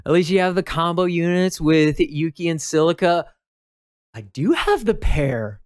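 A woman's voice: lowish voice, expressive, unhurried, a little mellow, no echo, studio quality. A woman giving casual, emotional commentary as she opens game pulls. She talks to her viewers, pleads with the game and swears freely. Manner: emotional and talkative, begs the game and addresses viewers. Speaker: mobile game player opening pulls. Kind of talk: casual live gaming commentary.

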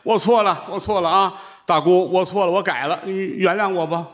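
A man's voice: high voice, moderate pace, fairly bright tone, voice pushed up. A man voicing a whining, foolish male vegetable peddler in a storytelling comedy routine. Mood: tearful. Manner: whining, complaining.

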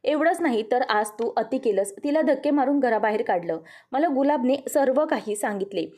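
Woman narrator voicing angry stern grandmother, accusing, warm mellow voice, slightly high. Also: expressive, normal speed. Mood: angry scolding. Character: furious woman, grandmother scolding her daughter-in-law.

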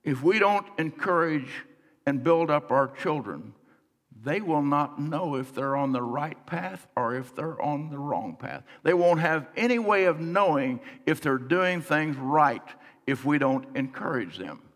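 A middle-aged man preaching a sermon as pastor, earnest, swinging between soft and emphatic delivery. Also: on the high side, lively intonation, measured pace. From United States. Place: large church sanctuary, on stage. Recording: long church hall reverb.

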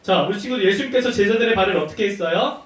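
High-voiced man teaching little kids. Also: very fast, a crowd in the background. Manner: animated, questioning, playful with children. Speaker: children's Sunday school teacher. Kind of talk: children's sermon. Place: church children's room. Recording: echoey room from far off.

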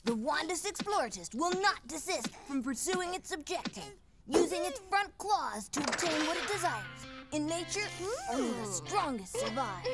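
An actor voicing an excitable young cartoon child who breaks in like a pompous TV announcer with mock documentary narration. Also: high voice, normal speed, creaky, over loud music, full character voice. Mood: pompous, excited.

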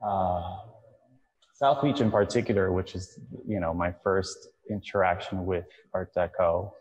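A young man from Miami, a choreographer, speaking thoughtfully in an outdoor artist talk, pausing often with fillers and restarts. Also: low voice, steady tone, a little mellow, in a large hall, muffled recording. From Miami, USA. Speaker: choreographer and dancer, guest. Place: outdoor courtyard.

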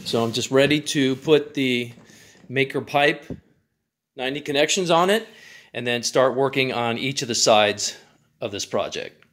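A man's voice: medium pitch, unhurried, fairly bright tone. Guy explaining his diy project step by step, plain and methodical, workshop vibe. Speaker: DIY channel host. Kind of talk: step-by-step build tutorial.

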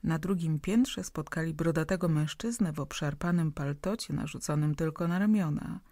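Audiobook narrator, woman, low and gravelly, even measured reading, dry close mic. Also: dry recording. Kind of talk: scripted narration.

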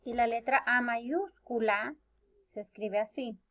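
Woman, preschool teacher, slow and drawn-out, bright higher voice, checks "ok?" often. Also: dull audio. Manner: drawn-out words, syllables clapped and repeated; asks "ok?" after each step. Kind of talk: slow, patient lesson for young children.

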